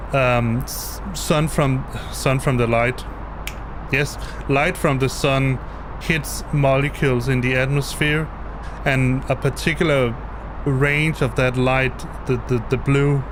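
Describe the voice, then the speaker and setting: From his home basement, a flight sim streamer who grew up speaking Danish explains something live, often pausing, restarting, and repeating words. His voice is mid-range, and there's noise in the background.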